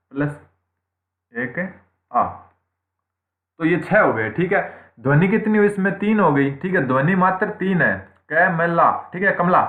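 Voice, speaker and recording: Man, grammar teacher, fairly high voice, asks and answers his own questions, echoey room, thin phone-like sound. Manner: frequent "theek hai" checks. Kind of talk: online exam-prep lesson.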